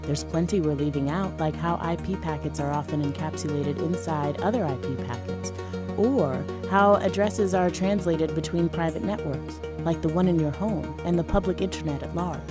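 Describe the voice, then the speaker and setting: A woman reading a scripted explainer as narrator, measured and precise. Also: low-pitched. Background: background music.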